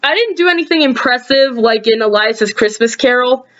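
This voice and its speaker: A woman casually rambling through reviews of her own videos, sleepy and yawning, with lots of ums and sudden jumps in pitch. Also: expressive, normal speed, lo-fi sound.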